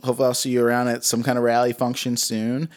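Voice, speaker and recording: A man's voice: medium pitch, completely flat delivery, fast talker. Laid-back bro-ish male podcast host. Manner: laid-back frat-bro slang, peppered with "dude" and "man". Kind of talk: casual podcast chat.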